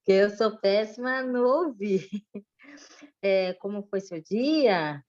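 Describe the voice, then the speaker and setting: Hesitant woman student on a class call, slow and tentative, dull sound. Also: medium pitch, animated, darkish tone. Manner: hesitant, guessing answers. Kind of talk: online class.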